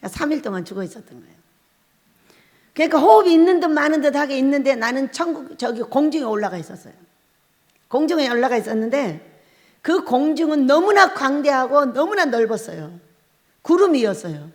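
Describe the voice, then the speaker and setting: A middle-aged woman preaching with a high, lively voice that rises and falls a lot. She tells her testimony as a story and acts out the crying and shouting herself. The sound carries the long reverb of a church hall. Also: brisk. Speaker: pastor. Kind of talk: sermon with personal testimony.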